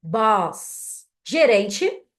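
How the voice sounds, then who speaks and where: A woman's voice: mid-range voice, sing-song. A young adult woman with a Brazilian Portuguese accent teaching English vocabulary, calling out words for learners to repeat after her. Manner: slow, patient repeat-after-me drilling. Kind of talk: language lesson drills.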